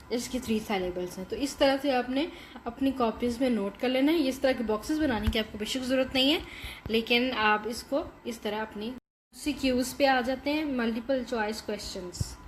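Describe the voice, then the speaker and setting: A woman teacher explaining grammar exercises in Hindi-Urdu and reading sentences aloud slowly and clearly. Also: on the high side, slight background noise. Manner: mixes Hindi-Urdu explanation with slow English dictation. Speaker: English teacher. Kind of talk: classroom lesson walkthrough.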